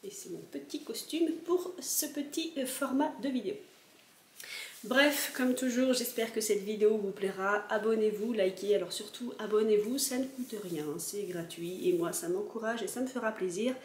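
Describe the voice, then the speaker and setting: Woman vlogger, casual explainer, hesitant fillers, mid pitch, echoey room. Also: moderate pace, a little hiss or hum. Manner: chatty, explaining with frequent fillers.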